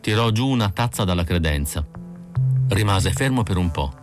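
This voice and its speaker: A man narrating a novel as an audiobook reader, measured and expressive. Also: deep voice, faint music behind.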